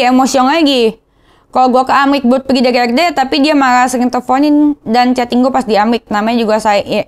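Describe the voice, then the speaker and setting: A young woman with a Jakarta slang accent, talking in a casual confessional vlog, emotional and rambling, often repeating herself. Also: fairly high pitch. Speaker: vlogger.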